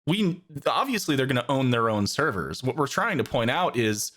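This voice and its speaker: A man's voice: mid-range voice, big pitch swings, moderate pace, a bit bright. A young man co-hosting a casual podcast chat, rambling and searching for words as he talks. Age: young adult. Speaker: podcast co-host.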